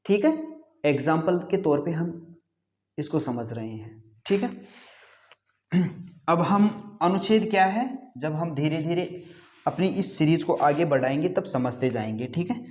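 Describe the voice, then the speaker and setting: A man's voice: a little high, lively intonation, unhurried, a little mellow. Man quizzing his class as he teaches. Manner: asks rhetorical questions and answers them himself; repeats key terms, says "ठीक है" often. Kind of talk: exam-prep lecture.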